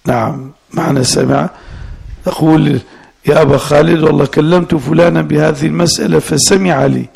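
Male sheikh, gravelly husky voice, patient classical text teacher. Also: fairly high pitch, fairly even intonation, darkish tone. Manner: explains slowly, repeats the student's words, asks questions. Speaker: sheikh teaching Hanafi fiqh.

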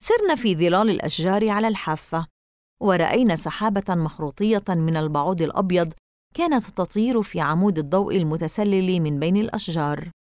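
Expressive woman audiobook narrator. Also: lowish voice, fast talker, dry recording, studio quality.

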